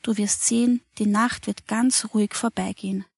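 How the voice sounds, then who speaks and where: A woman voicing a kind mother who comforts a child in a calm, gentle, reassuring way. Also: mid-range voice, normal speed, creaky, husky, no echo, studio quality.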